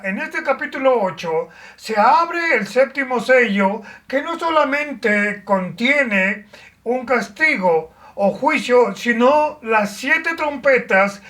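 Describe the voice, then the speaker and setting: A woman teaching a Bible study lesson in a measured, explanatory way, pausing with fillers and restarting phrases. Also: on the high side, a bit bright, far from the mic.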